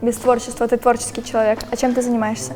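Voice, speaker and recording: A woman's voice: a little high, level tone, fast, mellow, in a large hall, soft background music. A frank, chatty nineteen-year-old woman asking her blind dates questions and rating them. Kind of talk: casual chat.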